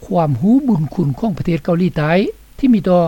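A woman's voice: on the low side, lively intonation, brisk, no echo. A woman reading scripted documentary narration for a radio report. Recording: dull, slightly lo-fi, dry studio sound.

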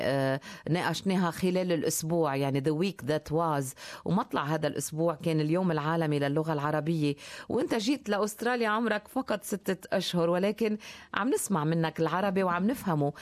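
A woman's voice: fairly low pitch, darkish tone. A woman with a Levantine Arabic accent hosting a live radio interview. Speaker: radio host.

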